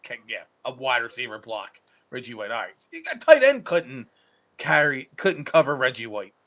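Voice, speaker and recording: A man's voice: mid-range voice, moderate pace. A man co-hosting a casual sports podcast, talking animatedly and acting out players' lines with frequent restarts. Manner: animated, acts out players' lines, repeats words. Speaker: podcast co-host.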